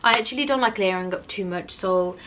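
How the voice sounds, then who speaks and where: A woman's voice: medium pitch, brisk, a bit bright. A British woman chatting casually to viewers as a haul vlogger, with a bubbly, gushing, emphatic manner. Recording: noisy recording with clicks.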